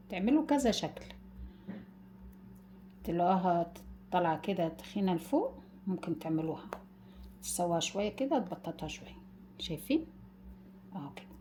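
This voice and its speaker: Gentle Egyptian woman guiding a home baking demo. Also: medium pitch, a little hiss or hum. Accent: Egyptian Arabic. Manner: calls viewers "my dears", gentle step-by-step guidance. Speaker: cooking channel host. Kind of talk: casual home cooking demonstration.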